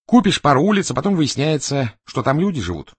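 Male reader as a shrill, persuasive middle-aged tycoon, swooping lines, husky voice. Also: sing-song, a little fast, no echo. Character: fast-talking scheming middle-aged tycoon.

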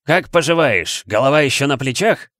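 A man's voice: lively intonation, moderate pace, fairly bright tone, no room sound, clean studio sound, natural voice. A man voicing a boisterous, jeering headless male ghost hunter in an audiobook reading. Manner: booming, jeering.

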